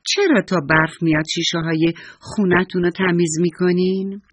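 A small, polite bear cub in a bedtime storybook who keeps asking curious questions, played by a man. The voice is husky and somewhat high, and it is recorded dry and close. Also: fairly even intonation, dry recording.

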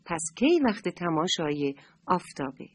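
A woman's voice: lowish voice, sing-song, a little mellow, slightly rough. A woman voicing a small, curious young creature who asks eager questions in a children's story.

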